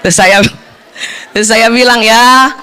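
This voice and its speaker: A middle-aged woman giving a playful, animated seminar talk on marriage, speaking straight to her audience in a hall. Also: high voice, moderate pace, slight background noise. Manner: playful, animated storytelling that addresses the audience directly.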